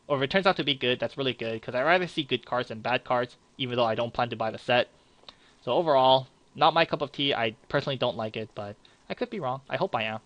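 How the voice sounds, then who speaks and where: A man's voice: medium pitch, a bit bright, no echo, muffled recording. Rambling young man reviewing cards. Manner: frank, rambling, with many fillers and restarts. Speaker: card game YouTuber. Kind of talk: casual card review commentary.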